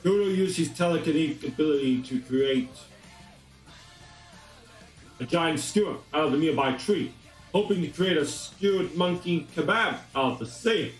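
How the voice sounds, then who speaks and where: A man reading a fan fiction story aloud with expressive storytelling. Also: a little high, normal speed. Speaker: narrator. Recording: roomy distant voice, faint music.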